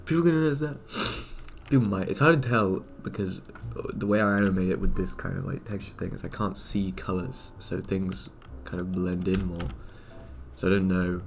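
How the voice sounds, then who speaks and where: Low, gravelly man fretting as he works. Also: moderate pace, slight background noise. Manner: rambling, fretful, many restarts. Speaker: animator and video creator. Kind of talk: casual self-talk while working.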